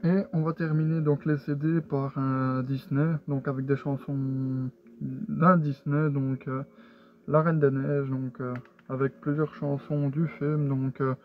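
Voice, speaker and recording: A man's voice: mid-range voice, level tone, slow pace, a little hiss or hum. A man casually showing his purchases in a haul video, talking hesitantly with many fillers and restarts. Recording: tinny lo-fi sound with faint music.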